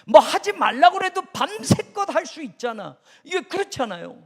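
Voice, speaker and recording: A man delivering a church sermon as its pastor. His voice sits very high for a man, and he preaches with animated, rising emphasis that swells to loud exhortation. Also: moderate pace, in a large hall. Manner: talks about his own high excited tone.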